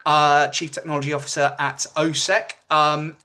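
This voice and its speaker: Male event host, upbeat and informal, higher-pitched with a bright, forceful edge. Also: level tone, moderate pace, smooth. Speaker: webinar host, compere.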